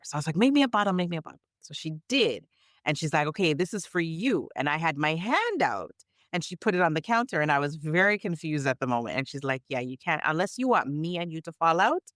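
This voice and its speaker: On this conversational podcast, a Canadian woman serving as storyteller guest speaks with emphasis and reflection. Her voice is lowish and a bit bright, recorded dry with clean studio sound.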